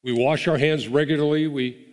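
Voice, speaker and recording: A pastor preaching with an earnest, encouraging manner, sometimes restarting a phrase mid-thought. His voice sits a little high for a man. The sound carries a long reverb from the church sanctuary around him. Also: fairly even intonation, normal speed. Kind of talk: sermon.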